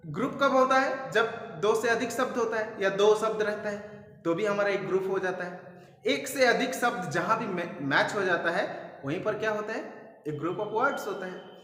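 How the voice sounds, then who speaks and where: Man, English teacher, high bright voice, asks and answers his own questions, spells words out, long echo in the room. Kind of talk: classroom lesson explaining step by step. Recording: echoey room with long reverb.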